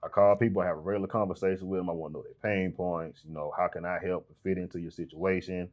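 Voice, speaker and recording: Guest, male, very low voice, quick, plainspoken and casual. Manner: relaxed, conversational, acts out voices when telling stories. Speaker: freight broker, podcast guest. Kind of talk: casual interview talk.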